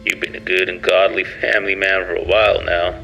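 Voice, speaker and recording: A man voicing a gruff, drunk rural ex-convict in a scary story, with a gravelly voice and a folksy, offhand manner. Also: low-pitched, level tone, fairly quick, bright, forceful tone, full character voice, low-quality recording. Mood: casual, wary. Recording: music behind the voice.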